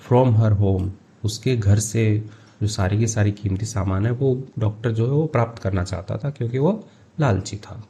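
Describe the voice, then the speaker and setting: Mellow-voiced man teaching English. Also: on the low side. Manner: reads English phrases slowly, then explains in Hindi. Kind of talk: line-by-line story translation lesson.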